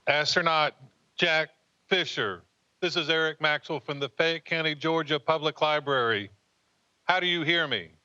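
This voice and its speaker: A man speaking at a library event, making a deliberate, projected voice check over a link. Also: on the high side, pushed and bright, smooth, dull audio.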